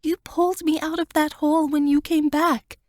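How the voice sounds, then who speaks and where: A woman voices Wanda, a tearful, devoted young woman pleading emotionally with her friend, lifting her voice well above her own narrating voice. It sits high with a level tone, moderate pace, and slight mellowness, pitched above her natural voice yet close to everyday speech, in clean studio sound with no room sound.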